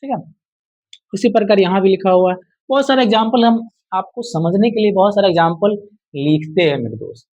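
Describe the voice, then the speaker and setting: Slightly fast and a touch mellow, his high voice comes through lo-fi sound. He leads an English spelling lesson like a classroom, repeating both question and answer over and over as a drill.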